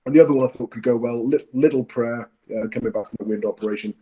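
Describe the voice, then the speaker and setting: A man's voice: mid-range voice, fast, mellow, poor audio. A man giving his horse racing tips in a casual chat, often hesitating with fillers and restarts. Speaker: racing tipster.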